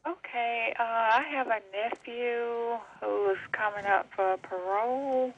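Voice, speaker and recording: A woman's voice: fairly high pitch, steady tone, slow. Female caller over a dull phone line, hesitant and apologetic. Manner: hesitant, many fillers and apologies. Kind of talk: casual call-in question.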